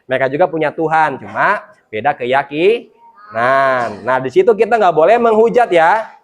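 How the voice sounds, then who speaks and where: A teacher giving a classroom lesson, quizzing the pupils with quick questions and explaining each answer. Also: medium pitch, lively intonation. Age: adult.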